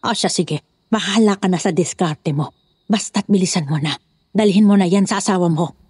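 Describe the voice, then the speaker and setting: A woman's voice: on the low side, moderate pace, a little mellow, slightly rough, no echo, clean studio sound. A woman playing a scheming, commanding older woman in a dramatized horror story, speaking in a scolding, condescending manner.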